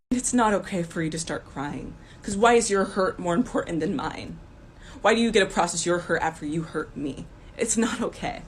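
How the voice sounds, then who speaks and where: Woman commentator, blunt and scolding, direct-to-camera rant, faint noise behind. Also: on the low side.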